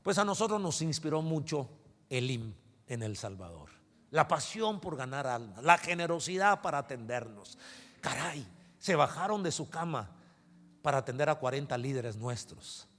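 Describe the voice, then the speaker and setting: A man, a pastor telling a story in a sermon and building to loud climaxes, recorded at a conference. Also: mid-range voice, big pitch swings, moderate pace. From Guatemala. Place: large conference hall. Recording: reverberant conference hall.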